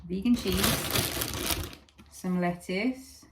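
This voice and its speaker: A woman's voice: lowish voice, extremely slow, heavy background noise. A woman vlogging a casual cooking demonstration, chatting viewers through each step.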